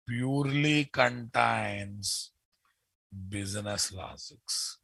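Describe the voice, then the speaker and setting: Forceful Telugu-accented Indian man teaching. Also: fairly low pitch, gravelly, slightly rough, no echo. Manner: emphatic, repeats key phrases, checks understanding with questions. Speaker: programming instructor. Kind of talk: live online class lecture.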